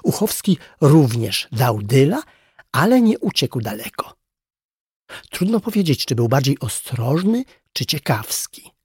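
A man narrates a children's forest tale slowly and unhurriedly. His voice is husky and gravelly, and its pitch moves a lot. The sound is close and dry. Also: no room sound. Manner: slow, gently expressive reading. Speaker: storyteller.

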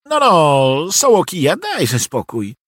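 A man voicing an old, gruff and impatient castle key-keeper. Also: on the high side, wildly swooping pitch, slow, fairly bright tone, no echo, clean studio sound, voice pushed up, heavily acted.

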